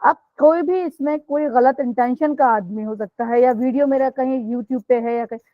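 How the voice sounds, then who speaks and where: A woman's voice: high-pitched, moderate pace, no echo, dull audio. A woman police sub-inspector giving a guest talk in a webinar, earnest and explanatory, speaking straight to her listeners. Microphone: video call microphone.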